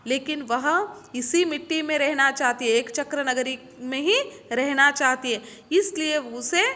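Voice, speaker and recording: A woman voicing a poor, elderly Brahmin man who speaks slowly and heavily, lamenting his fate. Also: sits high, pushed and bright. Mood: resigned. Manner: slow, heavy, lamenting.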